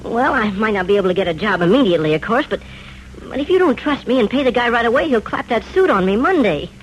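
An actor playing a desperate, earnest young grandson in a 1950s radio serial, halting and deferential. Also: male voice, very high voice, big pitch swings, rough recording. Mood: eager, pleading. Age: young adult. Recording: old radio broadcast, faint noise.

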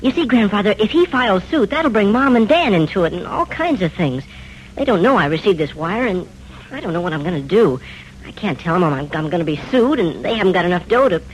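High-voiced, earnest young grandson. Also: male voice, big pitch swings, rough recording. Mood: desperate. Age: young adult. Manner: halting, eager, deferential. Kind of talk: 1950s radio serial acting. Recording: old radio broadcast, faint noise.

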